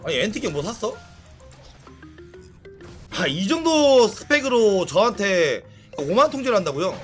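Man, game streamer, live commentary, high pitch, huge swings in pitch, swearing, sudden shouts. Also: a little slow, soft background music. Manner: excitable, swearing, trash-talking; bursts into shouts in fights.

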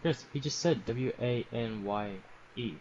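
A man's voice: mid-range voice, measured pace, a little mellow, highs cut off. A man chatting with friends during an online game, matter-of-fact and a little defensive. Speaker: gamer on a stream. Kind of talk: casual gaming chat with friends.

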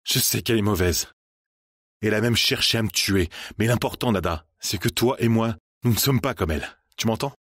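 A man reading as an earnest young man in a storybook, urging and pleading with a low, husky voice. The sound is dry and close to the mic. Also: a little fast, fairly bright tone, dry recording. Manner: urgent, pleading.

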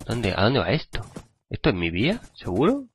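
A man with a Spain Spanish accent, hoarse from a cold, chatting and joking with viewers while playing a game. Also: fairly low pitch, huge pitch swings, moderate pace, slight background noise. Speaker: gaming channel host. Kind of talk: gameplay commentary.

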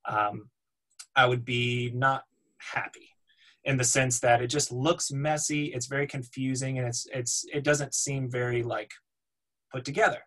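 A man in his thirties leads a webinar from home, speaking into a webcam at a middling pitch. His delivery is relaxed and explanatory, padded with ums and uhs as he thinks aloud. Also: measured pace, rough recording. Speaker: voiceover demo producer. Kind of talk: webinar teaching. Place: home room, indoors. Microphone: webcam on video call.

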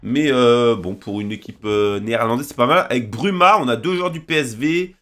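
A young man commenting as he opens packs in a game, often shouting and repeating names in excitement. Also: medium pitch, moderate pace, faint music behind. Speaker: gaming video creator. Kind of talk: excited pack-opening commentary.

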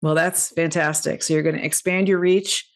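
The host, a middle-aged woman, has a low-sitting voice with fairly even intonation and a normal speaking speed. She conducts an upbeat podcast interview by video call from a home or office room, miked with a headset and desk microphone.

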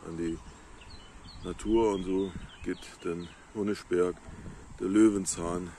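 A man with a Moselle Franconian dialect explaining plants on a casual nature walk outdoors in the countryside, in a halting, unhurried way. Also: deep voice, fairly even intonation, mellow, slight background noise. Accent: Moselle Franconian dialect of the Saar-Moselle area. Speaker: local nature video maker.

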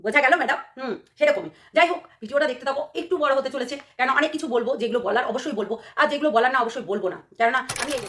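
A woman vlogger with a hoarse voice from a cold, scolding and sarcastic, firing rhetorical questions in a ranting commentary. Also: high-pitched, very fast, hardly any pauses, a bit bright.

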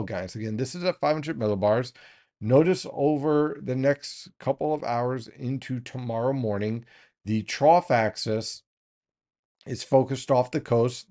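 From a small home studio, a man in his thirties delivers a weather forecast straight to the camera, speaking to viewers directly at an even, steady pace. He has a mid-range voice and is recorded on a desk mic.

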